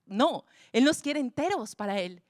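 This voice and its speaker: A woman preaching a sermon with passion, repeating words for emphasis and dropping at times to a hush. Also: a little high, expressive, a little slow, no room sound, clean studio sound. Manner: impassioned, swings between loud pleas and hushed whispers.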